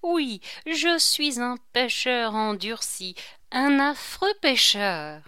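A sly court jester with a mocking, theatrical edge, as a woman reading a story puts him on, his words crisp and clean on a dry, close recording. He hams up his fake pleas. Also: fairly high pitch, lively intonation, takes it slowly, sharp tone, no echo, pitched above the performer's own voice, heavily acted. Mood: mock pleading. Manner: mocking, theatrical whispers and mock pleading. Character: sly quick-witted male court jester.

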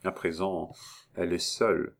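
A man voicing a young count, a grieving, guilt-ridden son, speaking quietly in an audiobook reading. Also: flat delivery, measured pace, creaky, full character voice. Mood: sorrowful. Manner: quiet, subdued, low-spoken. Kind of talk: audiobook reading of a classic novel.

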